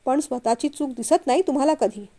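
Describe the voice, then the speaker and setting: A woman's voice: high voice, a little fast, mellow. A woman reading as a stern middle-aged father. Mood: reproachful. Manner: firm, scolding.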